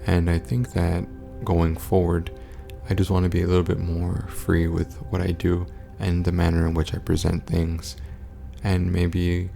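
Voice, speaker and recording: A man talking low and quietly, as in a sleeping house at night, in a monotone, stoic way for a casual vlog update. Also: vocal fry. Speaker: content creator.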